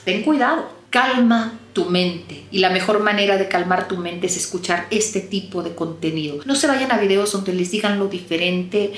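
A woman giving an emphatic, preachy motivational talk to her viewers as a self-help coach. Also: reverberant. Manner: emphatic, preachy, quick swings in pitch.

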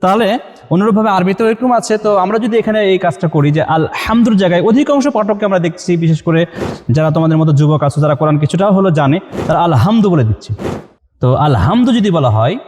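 A male Quran teacher explains recitation patiently, giving examples and checking that his listeners follow. His voice is fairly high. The room has a long ringing reverb and a faint hiss. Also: animated, quick pace, darkish tone.

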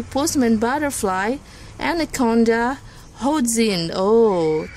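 A woman teacher, reading a picture book aloud to children in English, expressive and patient, with gasps and asides. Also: on the high side, slight background noise.

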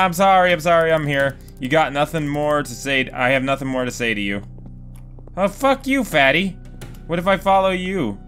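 Playing a horror game in his home room, this young gaming host chats casually through a let's play, muttering to himself, wandering off topic and cursing a lot. His voice sits at medium pitch with a fairly bright tone.

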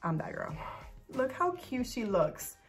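In a casual product review vlog, a young woman shows off dog clothes, gushing and occasionally cooing. She speaks at a measured pace in a fairly high, sing-song voice, with soft music in the background.

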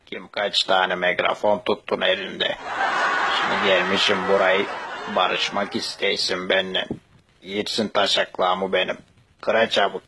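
A man's voice: sits low, little pitch movement, measured pace, very noisy. A man voicing a bitter, foul-mouthed village father with a Thracian Turkish accent, curt and contemptuous in a cartoon-style comic dub. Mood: angry dismissive.

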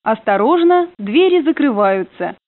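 A woman's voice comes over a train intercom, rather high and lively in its rise and fall. The sound is narrow and phone-like, with no room around it. She announces stops and door warnings in a polite, formal way. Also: measured pace, no echo. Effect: played over a train intercom. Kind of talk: prerecorded transit announcements.

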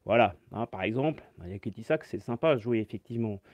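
A man's voice: fairly low pitch, expressive, quick pace, dry recording, highs cut off, soft background music. A man teaching saxophone in a live-stream Q&A, explaining step by step and answering chat comments aloud through his phone.

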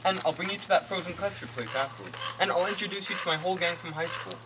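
A woman's voice: fairly low pitch, fast talker, lightly acted. A woman playing a cocky teenage boy. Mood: coaxing. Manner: coaxing, offhand, smooth-talking. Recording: loud background noise.

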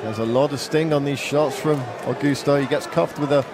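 A man's voice: fairly high pitch, fairly even intonation, brisk. A man giving live play-by-play commentary on a fight. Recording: crowd and venue noise behind. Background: arena crowd.

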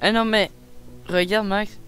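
Young quebec guy, highish voice, crude slangy gamer chat, game music behind him. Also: steady tone, measured pace, fairly bright tone. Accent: Quebec French. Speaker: gamer recording a horror game playthrough. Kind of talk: casual gaming banter with a friend.

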